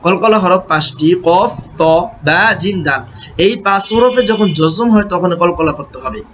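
A man teaching Quran recitation, chanting verses melodically and then explaining pronunciation in quick speech. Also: sits high, fairly bright tone, slight background noise. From Bangladesh.

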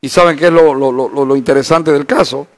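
A male pastor, preaching a Bible study in an animated way, acting out imagined voices and asking the listeners rhetorical questions. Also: medium pitch, fairly quick.

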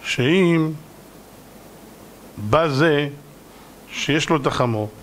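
A man, a rabbi, giving a dramatic sermon to an audience, acting out parables and sometimes shouting. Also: fairly high pitch, slight background noise. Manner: dramatic, acts out parables in many voices.

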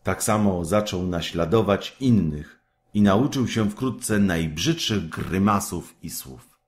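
Slow, lilting male storyteller. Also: deep voice. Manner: expressive, measured storytelling. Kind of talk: reading a fairy tale aloud.

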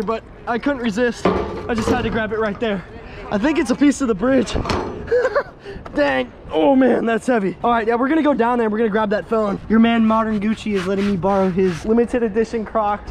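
A young man hosts an outdoor vlog, excitable and quick to laugh. His voice sits very high. He films on an action camera beside a road, and clear traffic noise runs behind him. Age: young adult. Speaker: host. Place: outdoors by a busy road and bridge. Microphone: action camera, chest mount or held at arm's length.

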